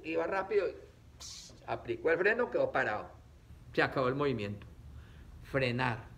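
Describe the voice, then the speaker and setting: A male teacher giving a reading lesson to children on camera, stretching out syllables in a playful, animated way. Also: mid-range voice, normal speed.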